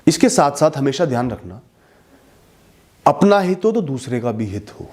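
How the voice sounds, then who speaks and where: A man giving earnest motivational advice to his listeners, speaking directly and warmly in a steady advice-giving talk. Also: fairly high pitch. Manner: earnest advice-giving, mixing English words into Hindi.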